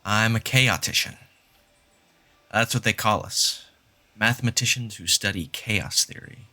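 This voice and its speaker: A man playing a smug, doom-saying chaos mathematician in an audio drama, lecturing with halting emphasis. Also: fairly low pitch, pushed and bright, heavily acted. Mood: introducing himself.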